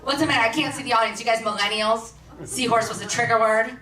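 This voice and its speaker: A woman's voice: on the high side, fairly even intonation, bright, forceful tone, a faint crowd. A woman from Miami doing a brash, sarcastic stand-up comedy set on a theater stage. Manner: brash, sarcastic, quick punchlines. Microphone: stage microphone. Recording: distant roomy theater mic, audience noise.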